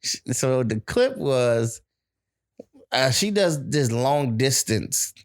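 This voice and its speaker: A man's voice: medium pitch, sing-song, slow, no echo, studio quality. A man co-hosting a podcast in casual chat, telling stories and acting out what people said, with frequent swearing. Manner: storytelling, acts out quotes, swears freely. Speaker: podcast co-host.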